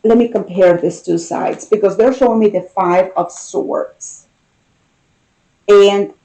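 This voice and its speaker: Slow, mellow woman giving a tarot reading. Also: mid-range voice, low-quality recording. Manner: hesitant, musing, with pauses and repeated phrases. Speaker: tarot card reader. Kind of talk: intimate tarot reading, unscripted.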